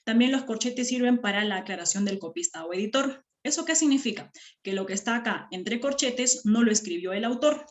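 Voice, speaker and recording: A woman teaching a grammar lesson, often stopping to check that the listener follows. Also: on the high side. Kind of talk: explaining a grammar lesson over slides.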